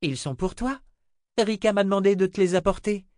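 A man's voice: high voice, a little fast, a little mellow, no echo, studio quality, pitched above the performer's own voice, lightly acted. A man voicing a cheerful, bold little girl in an audiobook, with a raised childlike voice.

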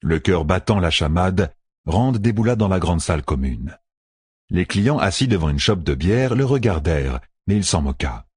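A man narrating a fantasy audiobook in an expressive, storytelling manner, close to the mic. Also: sits low, normal speed, husky.

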